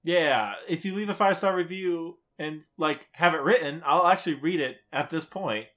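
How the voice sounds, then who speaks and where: A man's voice: fairly high pitch, moderate pace, fairly bright tone. A man with a Great Lakes accent from Michigan, chatting casually as a podcast co-host.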